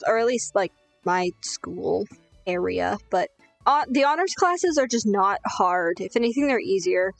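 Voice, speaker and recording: A woman's voice: mid-range voice, no echo. A young woman telling a rambling, sweary, self-deprecating story while gaming. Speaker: gaming streamer.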